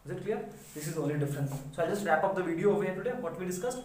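A woman physics teacher explains a lesson step by step and often asks the class whether it is clear. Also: fairly low pitch, expressive, rapid-fire, a little mellow, slight background noise. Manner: explains step by step, checks understanding with questions. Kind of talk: recorded online lecture. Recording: echoey room, voice from a distance.

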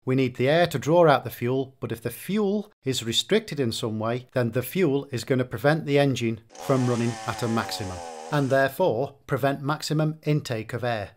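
A man narrating a repair tutorial, explaining engine workings in a steady, methodical way. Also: medium pitch, moderate pace, hardly any pauses. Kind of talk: scripted instructional narration.

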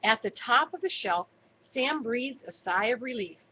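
A woman reading a children's storybook aloud in a slow, expressive way. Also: on the high side, husky, muffled recording. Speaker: storybook reader. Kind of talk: read-aloud narration.

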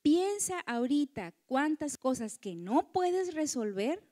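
A woman's voice: sits high, very animated, slow. A woman giving a motivational talk to women, often asking the audience for agreement. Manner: warm lecturing, acts out quoted voices, asks audience. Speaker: conference speaker.

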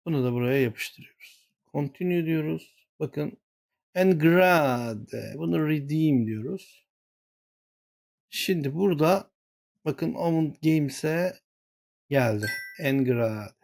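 Slow, gravelly-voiced man muttering through a tutorial. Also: fairly high pitch, expressive, darkish tone. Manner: mutters to himself, easily flustered. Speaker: gaming channel host. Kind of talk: screen-share tutorial walkthrough.

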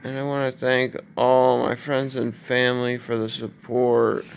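A young man, groggy from anesthetic, talking in a halting, drowsy way in a casual video diary. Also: medium pitch, completely flat delivery, vocal fry, slight background noise. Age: young adult. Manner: slow, halting, drowsy delivery. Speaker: vlogger. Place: hospital room, lying in bed. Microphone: phone at arm's length.

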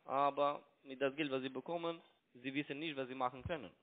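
Through a tinny, narrow-band phone connection, a young scam caller with a foreign accent argues insistently, circling back to the same points. His broken, non-native speech comes from someone whose first language is not German. He talks briskly, at medium pitch with a steady tone.

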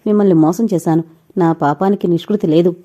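A woman's voice: on the low side, steady tone, fast talker, mellow, natural voice. A woman voicing a weepy young woman resigned to her fate, in an audio novel. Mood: tearful. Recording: dull lo-fi recording.

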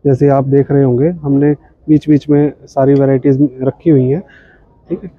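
A man's voice: medium pitch, flat delivery, normal speed, no room sound, highs cut off. A man in his thirties explaining his company's shoes at a trade expo stall, patient and full of fillers and polite "ji, sir". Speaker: footwear company representative. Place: indoor exhibition hall stall.

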